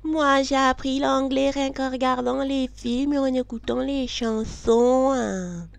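A smug, dismissive know-it-all, put on by a woman vlogger speaks in a high, gravelly voice. She drags her words out slowly and breezily. The sound is dry and close. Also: fairly even intonation, no room sound, soft background music, full character voice. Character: smug imagined woman who learned from films.

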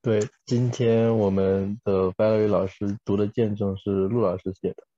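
A man's voice: on the low side, flat delivery, normal speed, mellow, dry recording, dull audio. A man working as a live interpreter, rendering a speaker's words sentence by sentence, with small self-corrections.

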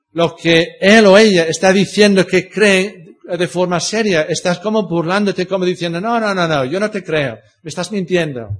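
An older man from Britain with a British English accent, a native English speaker, teaching a Bible class as a pastor, explaining step by step with rhetorical questions and frequent tag questions. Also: high-pitched.

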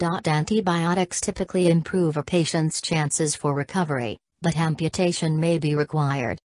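A woman reading a scripted narration in an even, steady delivery. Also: low voice, dry recording.

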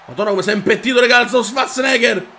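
A young man giving excited gameplay commentary, swearing and shouting at the game as he plays. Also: extremely high pitch, fast. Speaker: gaming YouTuber.

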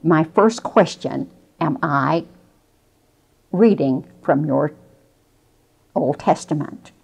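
A woman voicing a brave thirteen-year-old boy who asks earnest questions slowly. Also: deep voice, vocal fry, darkish tone, husky, voice pushed down, heavily acted.

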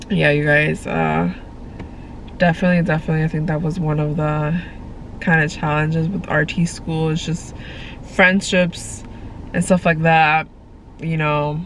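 In a parked car, a congested young woman talks to her phone at arm's length in a fairly low voice, rambling casually with many fillers. Audio quality is poor, with faint background car noise.

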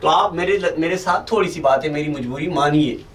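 Slow-dictating male teacher, bright high voice. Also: far from the mic, rough recording. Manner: slow, deliberate dictation with repetition; addresses students as "beta". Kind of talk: recorded lecture to camera.

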